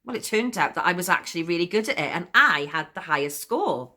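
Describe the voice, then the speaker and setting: In a comic monologue, an actress plays a giggly, talkative woman who confides her story and keeps laughing between sentences. She speaks a little fast in a lowish, expressive voice with a sharp tone.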